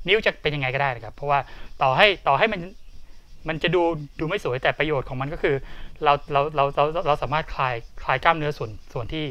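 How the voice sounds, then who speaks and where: A man teaching karate, explaining each step twice in a halting way with many repeated words. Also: a little high, bright, forceful tone. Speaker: karate instructor. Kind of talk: demonstrating and explaining technique. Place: karate dojo.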